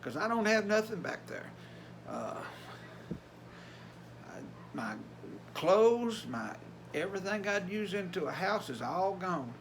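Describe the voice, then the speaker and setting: A man's voice: high voice, sing-song, takes it slowly, pauses often, noisy background. An older man with an Appalachian Tennessee accent, talking casually and plainly to his vlog viewers in a folksy way. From Tennessee, USA. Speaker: vlogger.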